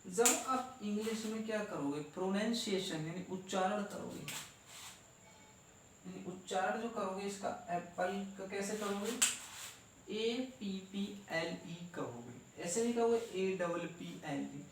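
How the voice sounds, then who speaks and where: A man's voice: high voice, a little slow. A man teaching an English grammar lesson, asking questions and answering them himself and spelling out letters one by one. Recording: echoey room, voice from far off, faint noise.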